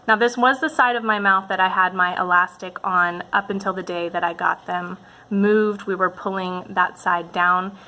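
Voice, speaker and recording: A woman's voice: on the low side, steady tone, normal speed, pushed and bright, low-quality recording. A woman vlogging casually, talking to her viewers in a chatty, explanatory way. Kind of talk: casual update vlog to camera.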